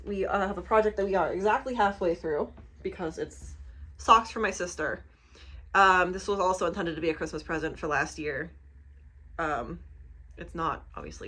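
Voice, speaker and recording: A woman's voice: lowish voice, bright, forceful tone. A young adult woman hosting a casual crafting podcast, rambling with many fillers and small laughs as she shows her projects. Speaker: podcast host. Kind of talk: casual crochet podcast chat.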